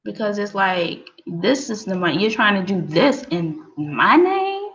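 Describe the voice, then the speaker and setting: A woman's voice: medium pitch, sing-song, unhurried, fairly bright tone, dull audio. A woman hosting her own show, talking in a rambling, casual monologue full of restarts and "you know"s.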